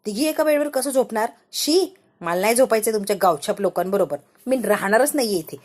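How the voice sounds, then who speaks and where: A woman's voice: mid-range voice, expressive, fairly quick, darkish tone, natural voice. A woman voicing a spoiled, snobbish young rich woman who bosses others and sneers at villagers. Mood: haughty. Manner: bossy, contemptuous.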